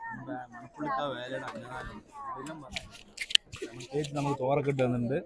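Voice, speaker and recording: A man's voice: medium pitch, very animated, fast talker. A young man with a Kerala accent chatting casually in Malayalam mixed with English slang. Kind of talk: casual chat. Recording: very loud crowd all around.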